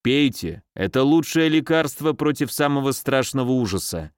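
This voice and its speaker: Man playing sly footman, teasing, mocking, mid pitch, dry recording. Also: expressive, moderate pace, clear, resonant tone, no room sound, natural voice.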